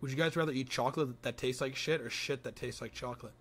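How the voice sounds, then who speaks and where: A man's voice: medium pitch, fairly even intonation, fast talker, slight background noise. A young man chatting casually as a game streamer in a crude, slangy frat-bro manner with lots of swearing. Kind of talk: casual livestream gameplay chat.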